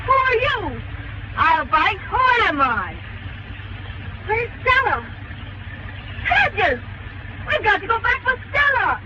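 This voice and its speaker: A brash young 1920s college girl in stagey film style, sassy and excitable. Her voice is very high and animated. The old soundtrack is dull, with heavy noise and crowd sound behind her. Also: takes it slowly, long pauses, full character voice. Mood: irritated. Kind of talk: stagey old movie acting, early talkie.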